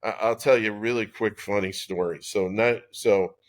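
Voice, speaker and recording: A man's voice: on the low side, fairly even intonation, normal speed. A man in his sixties, a guest on a podcast, telling a long rambling anecdote with lots of restarts. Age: 60s. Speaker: guest, golf club designer. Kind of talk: conversational storytelling.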